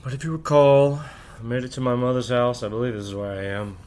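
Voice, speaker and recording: Late at night, a middle-aged channel host speaks alone to the camera, keeping his voice low so his sleeping family won't wake. His medium-pitched voice is clean and darkish, with fairly even intonation and a quick pace. He rambles, tacking "right?" onto nearly every thought.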